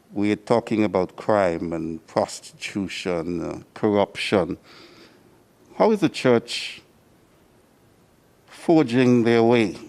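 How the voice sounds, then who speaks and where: A man conducts an interview in a fairly low voice. He frames his questions in a measured, somewhat slow way. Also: darkish tone.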